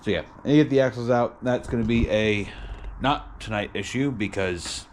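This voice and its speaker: A man giving a casual car vlog in a tired, sedated, halting way, sounding drowsy and medicated. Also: medium pitch, a little hiss or hum. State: tired and drugged on muscle relaxers. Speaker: car vlogger and home mechanic.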